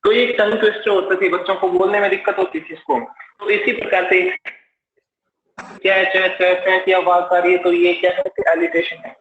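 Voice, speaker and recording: A man's voice: high voice, fast, slight background noise. A man with an Indian English accent teaching a live exam-prep class, explaining step by step and asking and answering his own questions. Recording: roomy, slightly dull live-class audio.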